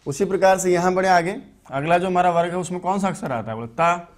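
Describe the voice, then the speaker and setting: Teacher asking and answering himself. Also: male voice, high voice. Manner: explains step by step, asking questions and answering them himself; says sounds aloud slowly and clearly. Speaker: Sanskrit teacher. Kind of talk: online grammar lesson.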